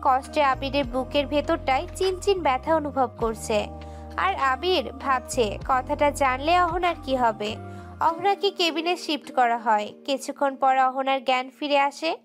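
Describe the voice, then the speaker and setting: High-voiced woman narrating an audio story. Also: measured pace, faint music behind. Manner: emotive, steady storytelling.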